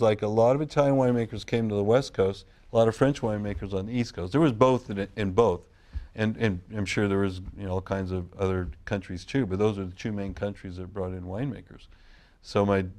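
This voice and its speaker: A middle-aged wine grape grower from California tells long family stories in a casual interview, rambling and restarting his sentences often. His voice has a fairly low pitch and a darkish tone.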